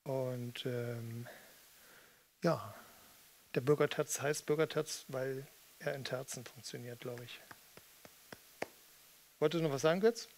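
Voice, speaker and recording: A man in his fifties, a spoken-word performer and frontman, chats casually between songs, musing and rambling in a dry way. His medium-pitched voice moves slowly with long pauses, picked up close on a stand-mounted studio mic with a pop filter at a stage setup. The recording is rough, with a slight hiss or hum, made indoors in a small theatre with red seats.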